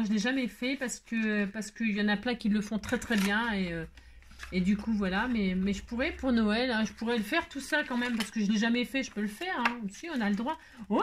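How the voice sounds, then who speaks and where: A woman's voice: a little high, a little hiss or hum. Gushing, chatty French craft vlogger woman. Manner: effusive, gushing, repeats exclamations; chatty, trails off and restarts. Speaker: craft vlogger opening mail. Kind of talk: casual chat to viewers.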